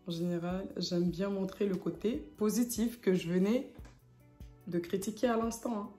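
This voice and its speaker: A woman's voice: medium pitch, warm tone, reverberant. A young woman from French Guiana talking casually to camera as a vlogger, hesitant with many fillers.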